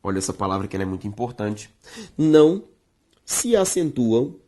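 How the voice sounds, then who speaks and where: A woman with a Brazilian Portuguese accent teaching a grammar lesson, stressing key words slowly and speaking straight to her viewers. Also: extremely low pitch, sing-song, dark tone. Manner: emphatic, drawn-out stressed words, addresses viewers directly.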